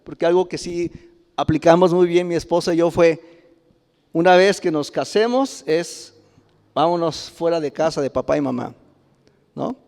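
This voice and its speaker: A middle-aged pastor with a Mexican Spanish accent delivers a storytelling sermon in a fairly high voice. He chuckles often and swells into loud exclamations. His voice rings with the long reverb of a church hall. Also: normal speed, gravelly, long pauses. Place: church sanctuary.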